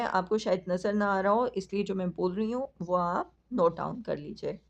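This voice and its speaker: Speaking slowly and addressing the children directly, a woman teacher with a Pakistani accent patiently explains a lesson. Her voice is mid-range, and the recording sounds dull and lo-fi.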